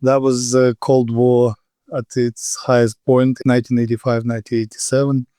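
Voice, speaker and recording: Ukrainian man, 50s, podcast guest, level delivery, smooth voice. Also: mid-range voice, little pitch movement, mellow, no echo. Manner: candid storytelling with pauses and fillers. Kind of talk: casual interview over a call.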